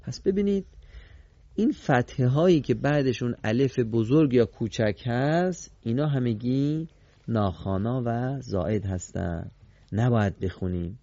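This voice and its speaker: Mellow-voiced man teaching on radio. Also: expressive, no echo, muffled recording. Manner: quizzes the class and repeats their answers; emphatic, with sharp pitch swings on words. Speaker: Quran recitation teacher. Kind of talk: radio lesson to a studio class. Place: radio studio with students.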